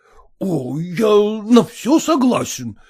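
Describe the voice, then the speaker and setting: A male storyteller voicing a stiff, pompous middle-aged suitor who speaks slowly and ceremoniously, hesitating and clearing his throat. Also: high voice, sing-song, a little mellow, pitched above the performer's own voice, full character voice.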